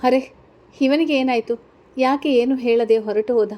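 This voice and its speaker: A woman's voice: a little high, normal speed, highs cut off, close to an everyday voice. A woman voicing a tearful, guilt-ridden young college woman in a read-aloud story, asking anxious questions. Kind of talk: storybook character reading.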